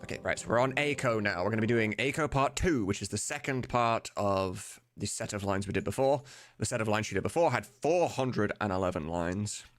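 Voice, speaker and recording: A streamer and mod voice director works while streaming, thinking aloud in a casual, sweary way. His lowish voice is expressive and fairly quick, with music playing behind him.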